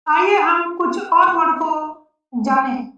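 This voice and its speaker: A very high-pitched woman teaches pronunciation at a slow, careful pace, spelling letters out one by one. She sounds far from the mic in a very echoey room, with a dull lo-fi tone. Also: bright, forceful tone. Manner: spells out letters slowly and repeats words. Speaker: English teacher. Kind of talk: slow spoken-English pronunciation lesson.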